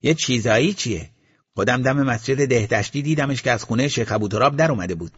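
A male audiobook narrator voicing a sly, spiteful young male cook who taunts and needles, in a husky voice on a slightly muffled recording. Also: medium pitch, lively intonation, pitched above the performer's own voice. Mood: taunting. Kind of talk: audiobook character voice.

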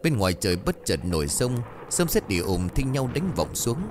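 A man narrating a horror story in a dramatic, lively storytelling manner. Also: fairly low pitch, normal speed, noisy background.

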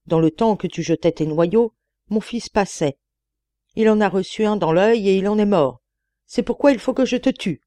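A woman doing a booming vengeful old genie. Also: moderate pace, dark tone, no room sound, lightly acted. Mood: menacing. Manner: terrible, booming tone. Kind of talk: audiobook reading.

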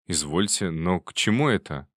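A heartsick man in love, read by a male narrator in a storybook reading. His voice is low and pleading. The sound is dry and close. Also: animated, moderate pace, no echo. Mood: subdued.

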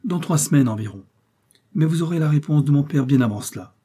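A composed young princess voiced by a man, courteous but distant, giving nothing away. The voice sits a little higher than plain narration and carries a dark, mellow, slightly husky tone in this audiobook reading. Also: animated, a little fast. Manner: cool, polite and reserved. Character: proud calm young princess, woman.

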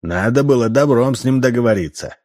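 A man voicing a sharp-tongued elderly publisher who scolds two brawlers. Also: medium pitch, expressive, fairly quick, pitched above the performer's own voice, close to an everyday voice. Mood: scolding.

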